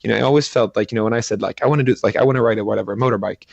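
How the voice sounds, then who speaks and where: Gravelly low-voiced man, halting. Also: steady tone, a little mellow, dry recording, dull audio. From Sweden. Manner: halting, restarts often, many "like" fillers. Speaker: guest entrepreneur. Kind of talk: casual interview talk.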